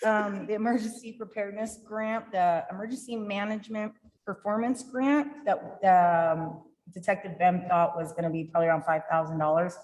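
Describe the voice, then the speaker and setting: A woman's voice: medium pitch, fairly even intonation, normal speed, darkish tone, low-quality recording. A woman on a city council giving a casual, chatty report. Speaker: council member. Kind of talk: council meeting.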